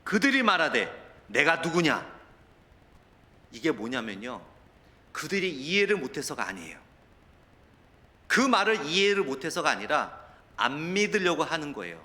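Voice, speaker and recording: A male pastor preaching a sermon in a lively, storytelling manner. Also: on the high side, moderate pace. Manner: animated preaching, mixes in anecdotes and quoted dialogue. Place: church sanctuary. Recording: long church hall reverb.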